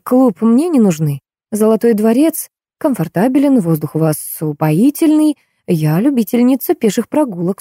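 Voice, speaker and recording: A woman reading an audiobook, voicing a composed woman writer who speaks slowly and formally. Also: mid-range voice, warm tone, no room sound, clean studio sound, natural voice. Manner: slow, measured, formal.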